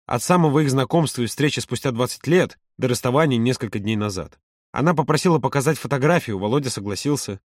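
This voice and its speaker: A man reading a novel aloud in measured, earnest audiobook narration. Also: medium pitch, no room sound, studio quality.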